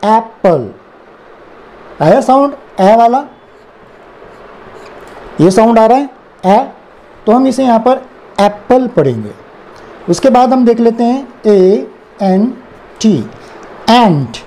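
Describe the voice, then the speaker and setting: Spelling out words letter by letter and saying them again, a man with an Indian accent teaches English phonics in a slow, explanatory way. His voice is high-pitched and warm.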